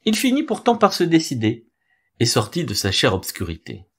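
A man narrating a folk tale in an expressive, theatrical storytelling manner. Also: medium pitch, normal speed, crowd noise.

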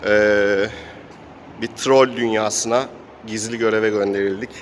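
With traffic going by and urban noise all around, a man outdoors in the city narrates an improvised role-playing game casually as host and game master, speaking the sound effects aloud. His voice is on the low side, with fairly even intonation and a measured pace.

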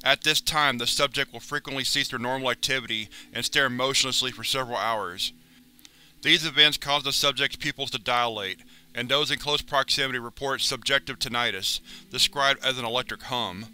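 A man reading a wiki entry aloud as a narrator, in a steady, formal, clinical way. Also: medium pitch, a little fast, clean tone.

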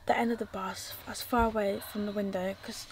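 A young woman speaking nervously in a hushed, near-whispered voice for a night vlog inside a small cabin. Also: medium pitch, little pitch movement, a little fast, a little hiss or hum. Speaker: vlogger. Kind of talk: night ghost-hunting vlog.

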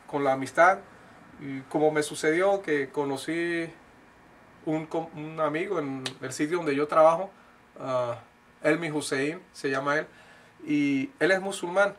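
A man's voice: on the high side, measured pace, fairly bright tone, slight background noise. A middle-aged man from Colombia talking earnestly to camera in a small studio, with frequent fillers and restarts. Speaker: speaker giving a personal talk. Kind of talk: casual direct-to-camera talk. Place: indoor studio with blue backdrop.

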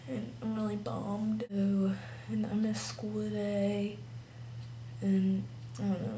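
A woman vlogger who has lost her voice, talking to her viewers in a hoarse, half-whispered, downcast way. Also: medium pitch, dark tone, a little hiss or hum. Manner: half-whispered, breathy talk; slow, downcast. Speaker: singer vlogger. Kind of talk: casual update to viewers. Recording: echoey room.

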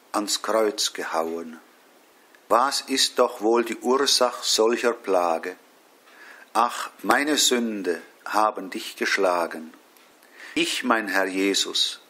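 A man leading a Stations of the Cross devotion, reading prayers and scripture in a slow, solemn way. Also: lowish voice, sharp tone, breathy edge. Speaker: prayer leader.

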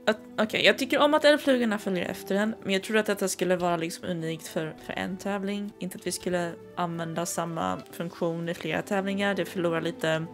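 A chatty young woman from southern Sweden talks through her gameplay, giggling often and gushing over what she sees. Her voice carries a gravelly, creaky texture at a middle pitch. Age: 20s. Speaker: gaming streamer. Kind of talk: casual gameplay commentary.

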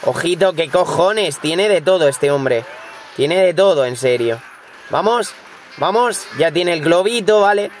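A young man from Spain calls his mobile game as he plays it, with a Spanish accent and a voice a little higher than usual. He is hoarse with a cold. He curses freely and talks straight at his viewers. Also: animated, a little slow, slight background noise. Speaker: gaming YouTuber. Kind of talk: live gameplay commentary.

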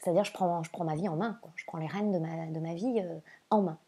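A woman giving a casual oracle card reading as a spiritual guide. She speaks in a halting, gentle and reassuring way, with many fillers and repeated words. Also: fairly low pitch, steady tone, husky.

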